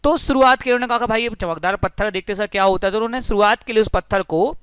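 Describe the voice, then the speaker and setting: High, smooth-voiced man teaching a lesson. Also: fast talker, fairly bright tone, no echo, studio quality. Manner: friendly explaining, keeps saying "friends". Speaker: physics teacher. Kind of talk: storytelling classroom lesson.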